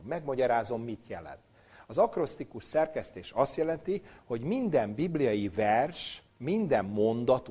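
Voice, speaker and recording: A man giving a Bible lecture with a personal story, dramatic, swinging from loud emphasis to near-whispered recitation. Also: mid-range voice, breathy edge.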